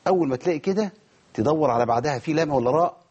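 A man with an Egyptian Arabic accent teaches Quran recitation to a class. He talks quickly in a fairly high, husky voice. He quizzes his students and models each pronunciation for them. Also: expressive, darkish tone, muffled recording. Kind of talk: tajweed lesson to a class.

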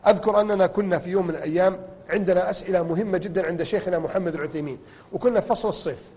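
Brief: a passionate, rapid-fire male preacher with a husky tone, delivering a sermon. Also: high voice, mellow, big-room sound. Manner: impassioned, rising to cries at emotional peaks.

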